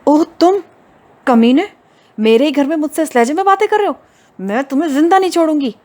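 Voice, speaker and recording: A woman's voice: high-pitched, lively intonation, pitched above the performer's own voice. A woman voicing a furious young woman in an audio novel, hurling insults. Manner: shouting insults.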